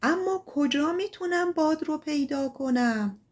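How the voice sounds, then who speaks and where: Earnest young shepherd guy begging for help, voice pitched up, woman narrator doing him. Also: animated. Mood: pleading. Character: brave young male shepherd searching for his love.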